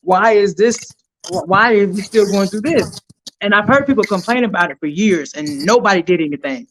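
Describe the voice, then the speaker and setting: A middle-aged woman, a retired army sergeant, telling her story in an energetic, emphatic way as a podcast guest. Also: mid-range voice, moderate pace, a little hiss or hum. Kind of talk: conversational interview storytelling.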